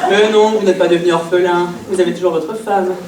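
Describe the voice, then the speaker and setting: A woman doing a one-woman comedy monologue in character as an HR employee, chatty and breezy with mock-innocent sarcasm, her voice jumping high when she addresses people. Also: fairly even intonation, a little fast, distant mic. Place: theatre stage before a live audience. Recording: echoey room from afar, audience noise.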